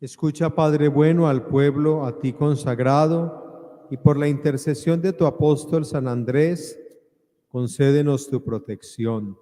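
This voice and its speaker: A male priest speaks solemn liturgical words in a mellow voice. His phrases come slowly, set apart by deliberate pauses. Each one rings out in a long cathedral-like echo. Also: fairly high pitch. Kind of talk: solemn liturgical prayer and preaching. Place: large reverberant church.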